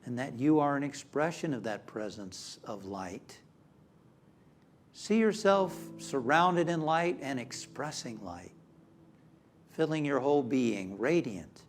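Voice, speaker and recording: A man leading a spiritual guided meditation in a calm, measured manner with long pauses. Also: medium pitch, slight background noise. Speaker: meditation leader. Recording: music behind the voice. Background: instrumental music.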